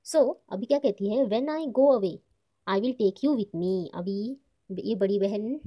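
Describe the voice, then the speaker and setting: Warm-voiced Indian woman teaching children. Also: mid-range voice. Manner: reads English lines slowly, then explains them in casual Hindi; addresses children, asks and answers her own questions. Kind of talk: textbook lesson explained to children.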